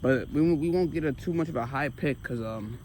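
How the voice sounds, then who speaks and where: An American man chatting casually about sports while walking, emphatic and animated, often repeating phrases for emphasis. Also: medium pitch, fairly quick. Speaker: sports vlogger. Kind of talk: casual rambling sports chat. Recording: clear street noise with passing vehicles.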